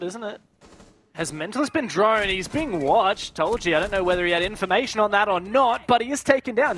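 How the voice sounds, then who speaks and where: A male esports caster with a very high, creaky voice and a sharp, bright edge. His commentary is conversational and chatty.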